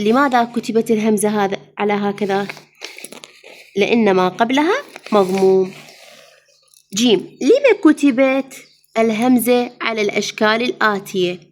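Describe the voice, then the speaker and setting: A woman teacher with an Iraqi Arabic accent, going through exam answers step by step. She asks her students questions, answers them herself and calls them "mama". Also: a little high. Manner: addresses students fondly as "mama". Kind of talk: exam review lesson.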